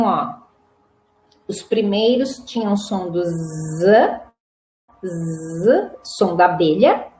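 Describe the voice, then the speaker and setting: Brazilian woman, language teacher; very slow, drilled word-by-word delivery, echoey room. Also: fairly high pitch, a little mellow. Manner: slow, drawn-out repetition of single words. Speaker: Portuguese teacher. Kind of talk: pronunciation lesson for learners. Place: classroom with whiteboard.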